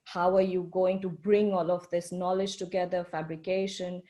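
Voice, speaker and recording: A woman architect speaking as a panelist, thoughtful, with frequent pauses and ums. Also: fairly low pitch, little pitch movement, warm tone. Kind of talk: panel discussion.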